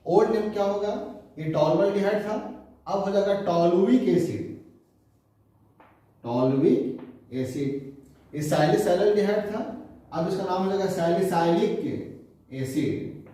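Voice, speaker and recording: A man teaching chemistry, who repeats key terms slowly and asks his students questions. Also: high voice, dark tone. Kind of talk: classroom lecture. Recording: echoey room, voice from a distance.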